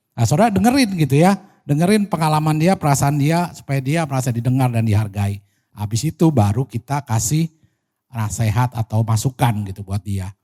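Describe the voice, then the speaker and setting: Calm Indonesian man preaching. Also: on the high side. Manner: conversational, addresses the congregation directly. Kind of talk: sermon. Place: church.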